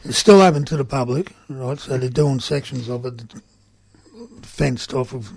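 Very gravelly, blunt Australian man. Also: mid-range voice, moderate pace, a little mellow, a little hiss or hum. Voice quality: gravelly, rough. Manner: blunt, colloquial storytelling. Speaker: union organiser reporting on site visits. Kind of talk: casual radio chat. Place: community radio studio.

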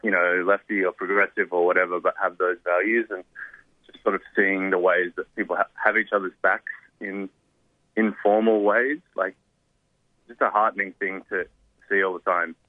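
A man's voice: sits low, flat delivery, normal speed, no echo. A man being interviewed as a guest cartoonist, talking in a laid-back, rambling way full of "like" and "um". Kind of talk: casual interview. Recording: tinny phone line.

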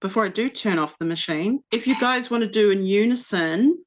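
A woman's voice: medium pitch, normal speed. A woman hosting a casual radio interview in a rambling, informal, self-deprecating way. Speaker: radio host. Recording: slightly dull, lo-fi sound.

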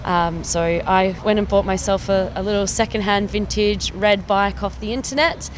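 A woman's voice: mid-range voice, steady tone, normal speed, background noise. A woman in her thirties from Perth with an Australian accent, telling her own story in a chatty, enthusiastic way with small laughs, outdoors on a city street. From Perth, Western Australia. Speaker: cycling campaign officer. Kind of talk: casual personal account to camera.

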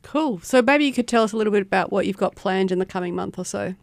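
A woman's voice: mid-range voice, fast, vocal fry, dry recording. A woman co-hosting a community radio show, interviewing casually in a studio.

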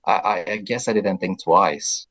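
This Brazilian man with a Brazilian accent has a low-sitting voice. Appearing as a radio interview guest, he answers reflectively and with measure, using soft fillers.

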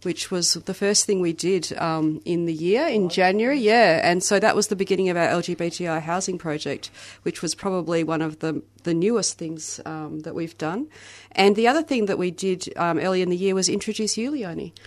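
A woman's voice: on the low side, fairly quick, few pauses. A woman chatting casually as a radio co-host in a studio. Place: crowded radio studio with shared microphones.

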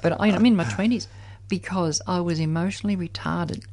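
In a group conversation, a woman of seventy recalls her own story with reflection and candor. She speaks on the low side, fairly quickly, with a slightly mellow quality.

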